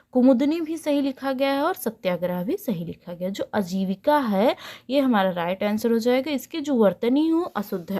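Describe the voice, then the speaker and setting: A woman's voice: on the high side, warm tone. Woman tutor quizzing herself aloud. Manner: repeats answers, asks and answers her own questions. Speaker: Hindi exam tutor. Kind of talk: explanatory online lesson.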